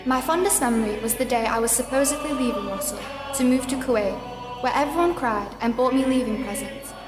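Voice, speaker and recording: A late-teen South African deputy school captain delivers a prepared prize-day speech in a large school hall during a ceremony. Her fairly high voice is formal and measured, clearly read from a script. The hall echoes and music plays behind her.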